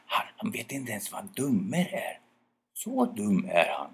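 A man's voice: fairly low pitch, wildly swooping pitch, noisy background. A man voicing two jealous, sulky young birch-tree brothers who talk in a sour, scheming way. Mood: mocking.

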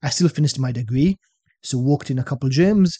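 A young Israeli fitness coach, guesting on a podcast, tells stories in a relaxed, chatty way and often caps his points with "right?" His mid-range voice is fairly quick with a breathy edge, recorded without echo.

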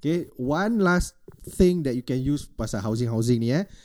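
A man's voice: medium pitch, lively intonation, moderate pace, dark tone. A man explaining things casually in mixed with slang, often checking with tags like lah and right. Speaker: financial explainer. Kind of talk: casual explanatory chat mixing Malay and English slang.

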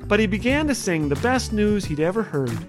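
A radio host from Canada tells gentle, wry stories in a high, light voice. Faint music plays underneath him. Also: male voice, very animated, a little fast. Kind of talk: humorous scripted storytelling.

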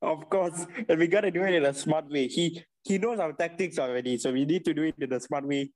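A man's voice: a little high, fairly quick, darkish tone. A young man, co-hosting a casual podcast chat, laughing often and mixing in Malay words. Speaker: podcast co-host.

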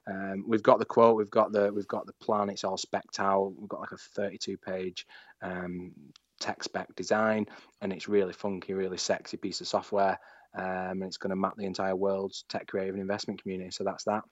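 Enthusiastic low-voiced man. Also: flat delivery, moderate pace, no echo. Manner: enthusiastic, rambling, many restarts. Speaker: podcast guest, startup founder. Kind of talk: casual interview chat. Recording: dull lo-fi sound.

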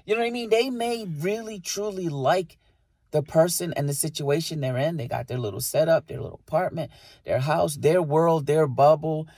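A man's voice: a little high, normal speed, darkish tone, husky, no echo, clean studio sound. A man co-hosting a podcast, talking casually and emphatically about relationships, with lots of rhetorical questions. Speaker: podcast co-host.

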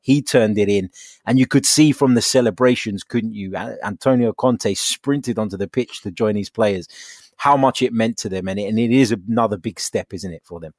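A man hosts a football podcast with an animated, chatty delivery. His voice is recorded dry on a close mic. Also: fairly low pitch, moderate pace, no echo. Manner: animated, conversational, asking questions. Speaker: podcast host.

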